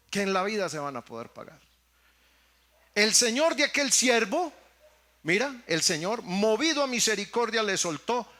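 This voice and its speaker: A man's voice: high-pitched, bright, forceful tone. A man with a Mexican Spanish accent preaching a sermon, speaking straight to his congregation and repeating phrases for emphasis. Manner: preaching with emphatic repetitions, addressing the congregation as brothers. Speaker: pastor.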